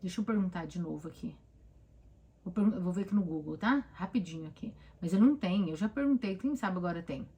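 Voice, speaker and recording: Her voice lower, husky and mellow, a Brazilian Portuguese-accented therapist talks fast and animatedly during a live stream. She hands out casual advice with emphasis, going back over her points while coaching viewers directly.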